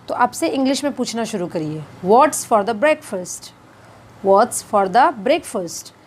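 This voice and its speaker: A woman teaching spoken English, repeating each phrase slowly and deliberately. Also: a little high, a little hiss or hum, rough recording.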